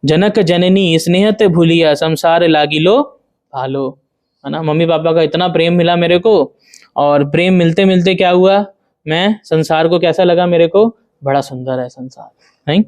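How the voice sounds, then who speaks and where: A man giving a devotional lecture, asking rhetorical questions and chanting verses slowly. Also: on the high side, darkish tone, clean tone. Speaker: spiritual teacher.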